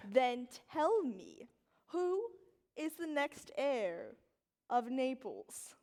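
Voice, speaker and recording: A woman plays an ambitious, plotting courtier on a Shakespearean stage. The delivery is hammy and declamatory, high-pitched and slow, with sweeping rises and falls in a reverberant hall. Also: big pitch swings, darkish tone, heavily acted. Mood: persuasive, insistent. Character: scheming, ambitious courtier urging a drowsy lord to seize a crown.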